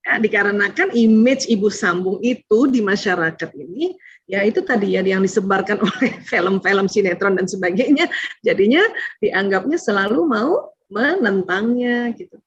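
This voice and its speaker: A middle-aged woman, a doctor, giving gentle religious parenting advice and answering a caller's question. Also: medium pitch, expressive, moderate pace, husky, no echo. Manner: gentle, explains with Quranic recitation and translation. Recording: dull lo-fi sound.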